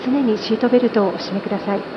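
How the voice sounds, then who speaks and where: A woman flight attendant making a polite, formal plane cabin announcement over the cabin loudspeaker. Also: a little high, steady tone, very fast, lo-fi sound, noisy background. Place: airplane cabin.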